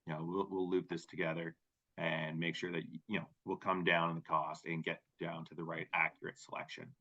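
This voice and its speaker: Deep flat-voiced man on dull audio. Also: brisk. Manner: casual, conversational, with fillers. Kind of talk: webinar software demo.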